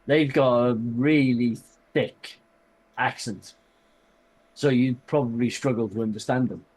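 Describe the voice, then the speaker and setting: Man, medium pitch, casual chat, hesitant repeated starts. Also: a little slow, darkish tone, poor audio. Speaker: co-host of an online hobby show.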